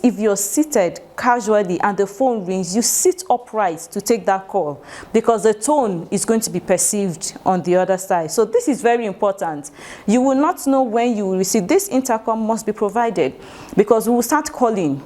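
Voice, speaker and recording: A woman with a Nigerian English accent runs a staff training lecture in a room. Her voice sits at a middle pitch, and she talks in an instructive way, checking whether the listeners understand. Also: darkish tone. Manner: instructive, asks the room questions, acts out sample phone greetings.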